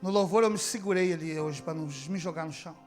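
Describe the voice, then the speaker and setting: A man from preaching a sermon as pastor, calling out to the congregation and swinging from shouting to near-whispering. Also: on the high side, fast, soft background music. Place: church service.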